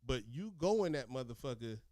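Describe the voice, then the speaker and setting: A man telling stories casually in animated, profane street slang, talking like a streetwise former inmate. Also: mid-range voice, brisk, heavy background noise. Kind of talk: casual storytelling chat.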